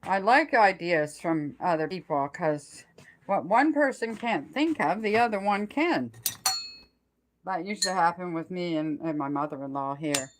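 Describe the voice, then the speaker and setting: A middle-aged or older woman chatting casually on a live stream, rambling and halting as she trails off mid-thought. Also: on the low side, expressive, a little hiss or hum.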